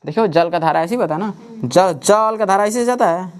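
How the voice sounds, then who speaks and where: This high-pitched man teaches at a coaching class at a moderate pace. Throughout his lecture he poses questions to the students and then answers them on his own.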